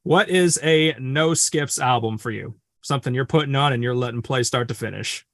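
A man's voice: medium pitch, normal speed, no room sound, studio quality. A man hosting a music podcast, asking guests questions in an upbeat way. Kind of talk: interview questions.

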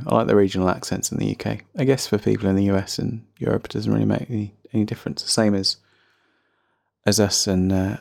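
A man's voice: on the low side, vocal fry, a little mellow, no echo, clean studio sound. A man with a faint Birmingham accent hosting a casual solo music podcast, chatty, rambling and self-deprecating. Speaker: podcast host.

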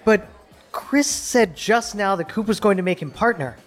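A man's voice: high voice, normal speed, soft background music, a faint crowd, lightly acted. A woman voicing a nervous, tipsy male coworker. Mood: uneasy. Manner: hesitant, uneasy. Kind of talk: audio drama acting.

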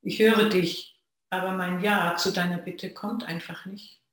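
Slow, measured speaker in a very echoey room. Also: medium pitch, little pitch movement, a bit bright. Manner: slow, measured, pausing between phrases. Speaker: Zen practitioner giving a talk to a sangha. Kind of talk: reflective dharma talk.

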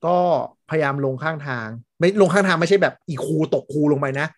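A man's voice: fairly high pitch, a little fast, no echo, studio quality. A man co-hosting a podcast in casual chat, rambling with fillers and laughing often. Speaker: podcast co-host.

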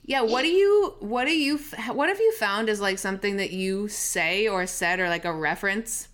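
A Canadian woman in her thirties hosting a casual, joking chat show and moving quickly between topics. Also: mid-range voice, lively intonation, crowd noise. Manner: chatty, joking, quick segues. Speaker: host.

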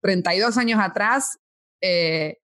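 A woman's voice: medium pitch, a little slow, fairly bright tone. A woman in her thirties with a Buenos Aires accent, a guest chatting casually in an interview and laughing often. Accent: Rioplatense Spanish, Buenos Aires. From Argentina. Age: 30s. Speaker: guest, space science communicator.

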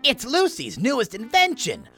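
A woman's voice: on the high side, wildly swooping pitch, moderate pace, a bit bright, slightly rough, faint music behind, exaggerated voice. A woman voicing a boastful alien sidekick who fancies himself a great actor, grand and bossy in a children's audio drama. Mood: grandiose.

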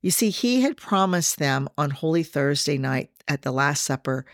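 A woman hosting a devotional podcast, speaking earnestly to listeners and slowing down to stress scripture. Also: low voice, expressive, no echo, studio quality. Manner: addresses listeners directly. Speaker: podcast host.

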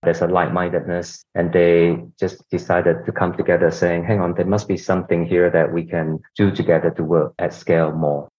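This middle-aged man from Singapore has a deep, slightly mellow voice that barely shifts in pitch, moving at normal speed with hardly any pauses. A healthcare executive on a podcast, he describes his organisation conversationally and keeps adding "you know", over dull lo-fi sound.

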